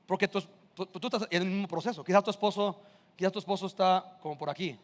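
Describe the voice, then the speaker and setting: High-voiced man preaching conversationally. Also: quick pace, big-room sound. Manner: conversational preaching with rhetorical questions. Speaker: pastor. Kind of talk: sermon.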